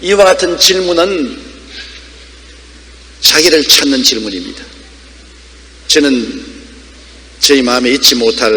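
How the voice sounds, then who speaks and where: A man's voice: medium pitch, sharp tone, a little hiss or hum. An older man preaching a sermon with emphatic, sweeping delivery. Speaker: pastor. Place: church sanctuary. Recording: long hall reverb.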